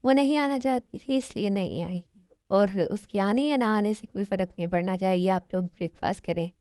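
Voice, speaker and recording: A woman's voice: mid-range voice, normal speed, mellow, no echo, clean studio sound, close to an everyday voice. A woman dubbing the part of a cold, threatening young mafia man who gives curt commands. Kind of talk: fan Hindi dub of a love story.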